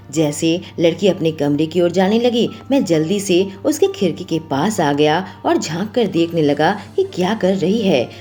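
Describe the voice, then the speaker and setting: A woman with a low, mellow voice reads a story aloud, taking the narrator's part and every quoted voice herself. She sounds like a storyteller, with faint music under her. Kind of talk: first-person story narration.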